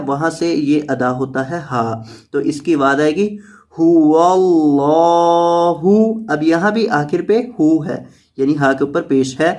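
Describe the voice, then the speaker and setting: Fairly high-pitched man teaching tajweed. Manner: patient, repeats each word slowly, then explains quickly. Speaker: Quran teacher. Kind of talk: word-by-word tajweed lesson.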